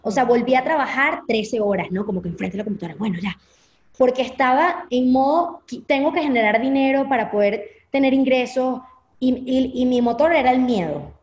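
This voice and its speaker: A woman's voice: sits high, a little fast. A young adult woman with a Venezuelan Spanish accent, a guest telling her own story candidly and acting out her past thoughts. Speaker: interview guest. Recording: echoey, slightly dull audio.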